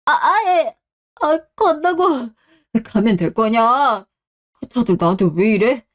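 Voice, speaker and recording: A woman's voice: lively intonation, measured pace. A woman voicing an entitled middle-aged son who whines and complains indignantly in a radio drama. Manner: whiny and indignant, voice rising high. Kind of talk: Korean radio drama acting.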